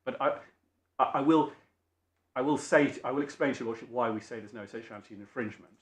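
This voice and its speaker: A British man making formal legal submissions as a barrister, deferential and learned, often halting and repeating his phrases. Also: medium pitch. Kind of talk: formal courtroom legal argument. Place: indoor courtroom. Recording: echoey courtroom with faint background noise.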